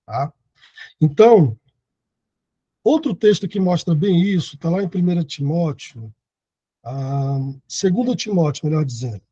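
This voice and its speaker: Reading Bible verses aloud and then explaining them, a man in his thirties teaches an online lesson in an explanatory manner. His fairly high voice is mellow and husky. The audio is dry, dull and echo-free, like a lo-fi video call.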